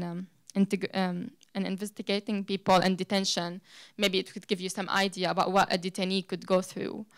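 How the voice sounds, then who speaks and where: Earnest young woman, smooth voice. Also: lowish voice. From Syria. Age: young adult. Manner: earnest, with frequent restarts and fillers. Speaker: guest speaker. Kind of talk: personal account at a public talk. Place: lecture room with a seated audience. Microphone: handheld microphone.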